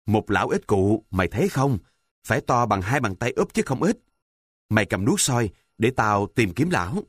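A man voicing a brash, bossy village boy who scolds loudly and boasts. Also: fairly low pitch, sing-song, moderate pace, husky, no room sound, studio quality. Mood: whispering eager.

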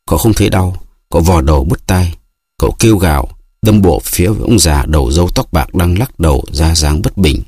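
A man narrating a literary novel as an audiobook, steady and expressive. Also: sits low, moderate pace, husky, dry recording, clean studio sound.

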